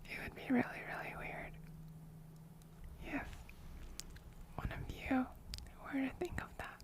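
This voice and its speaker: A woman's voice: sits high, unhurried. A woman livestreamer doing close ASMR whispering right in the listener's ear, coy and teasing, talking to her chat. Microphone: close microphone.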